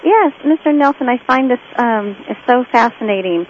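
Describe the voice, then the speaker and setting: A woman's voice: fairly high pitch, expressive, normal speed, a little hiss or hum. A woman calling into a radio show, rambling and searching for words as she asks her question. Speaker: caller. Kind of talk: phone-in question. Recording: tinny phone line.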